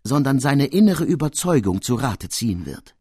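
A man's voice: mid-range voice, sing-song, normal speed, a little mellow, breathy edge, no room sound, clean studio sound, pitched above the performer's own voice. A man doing an earnest, cautious old lawyer. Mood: urgent. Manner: urgent, warning tone.

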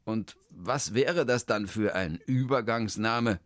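A man's voice: fairly low pitch, takes it slowly, no room sound, studio quality, voice pushed up. A man voicing a flustered, stammering male concert pianist in a children's story. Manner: hesitant, stammering.

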